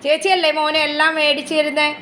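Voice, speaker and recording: A woman vlogger at home, softly pleading and coaxing her pet dog in affectionate pet talk. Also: sits high, level tone, quick pace, a little hiss or hum. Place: home indoors.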